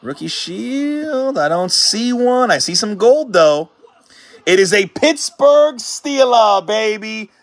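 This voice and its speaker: A man hosting a card-break stream, calmly calling out cards and then shouting in hyped excitement at the big hits. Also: high-pitched, slow pace. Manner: hyped, shouting exclamations between calm card callouts.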